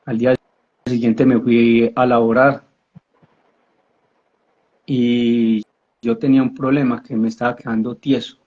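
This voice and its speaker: A man telling his personal conversion testimony in a halting way, often restarting and repeating his words. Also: medium pitch, little pitch movement, darkish tone. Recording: dull lo-fi audio.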